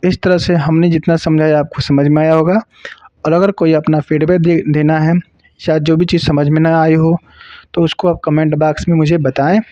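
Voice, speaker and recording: A man from Uttar Pradesh teaching a grammar lesson for exam preparation, explaining slowly, repeating sounds and adding jokes. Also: fairly high pitch, little pitch movement, mellow, dry recording. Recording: dull lo-fi dry sound.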